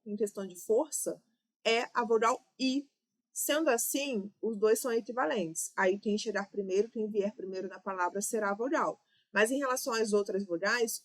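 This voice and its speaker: A woman with a Brazilian Portuguese accent, teaching an exam-prep grammar lesson, explaining step by step and checking in with "ok?" and "né?". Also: medium pitch.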